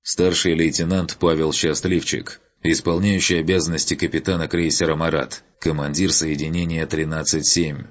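A man's voice: rumbling low, little pitch movement, highs cut off. A man reading a formal young officer. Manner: measured, formal military report. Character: composed young male officer, formal and curt.

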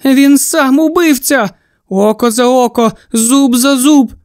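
A man's voice: very high voice, takes it slowly, smooth, no room sound, studio quality, voice pushed up. Man playing a raging, grief-stricken teenage boy. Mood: furious desperate. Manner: shouting, shaky with rage. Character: distraught grieving teenage boy, desperate.

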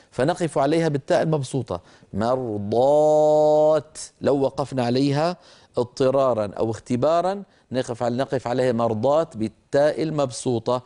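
An older man teaching Quran recitation, patiently explaining and slowly stretching out words to show how they are pronounced. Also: mid-range voice, warm tone. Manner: stretches and repeats words slowly to demonstrate pronunciation; explains patiently, addresses listeners directly.

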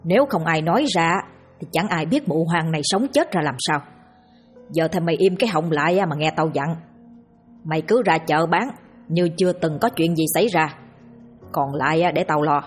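A woman voicing a gruff, bullying middle-aged male dog butcher in a spooky audio story, speaking harshly and curtly. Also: low-pitched, moderate pace, soft background music. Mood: commanding. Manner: harsh, curt, threatening.

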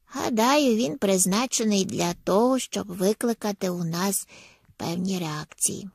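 A woman voicing a calm, analytical man who explains things in a measured way, in an audiobook reading. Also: high voice, gravelly, breathy edge, no room sound, studio quality, exaggerated voice.

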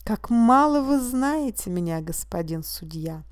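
A woman's voice: medium pitch, expressive, measured pace, no room sound, clean studio sound, lightly acted. A woman voicing a meek, weepy accused man. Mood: calm sorrowful. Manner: tearful, pleading and quietly insistent, slipping into a hushed whisper. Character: weepy, meek male mechanic accused of a crime.

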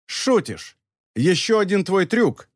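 A fierce, gloating police chief shouts his orders in a raised, hard voice, played by a man reading a storybook. The sound is close and dry, with no room around it. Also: high voice, big pitch swings, slow, dry recording, pitched above the performer's own voice, full character voice. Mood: furious, commanding. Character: shouting triumphant male police chief, vengeful.

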